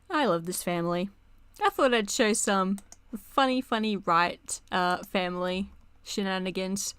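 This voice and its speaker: A woman's voice: mid-range voice, lively intonation, slow pace, long pauses, a bit bright, clear, resonant tone, dry recording. A woman streamer casually chatting while reading fan chat logs aloud, swearing and laughing often. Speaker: streamer and artist.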